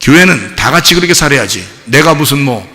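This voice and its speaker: A male pastor delivering a lively sermon, dropping to low asides and rising to loud exclamations as he acts out the voices of his congregation and God. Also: brisk. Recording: long hall reverb.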